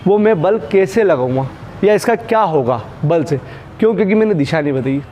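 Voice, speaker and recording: The recording is lo-fi, with a little background noise, capturing a high-voiced male physics teacher mid-lecture. Calling his students "beta" and "bhaiya," he asks them questions only to answer himself, using props to illustrate his points.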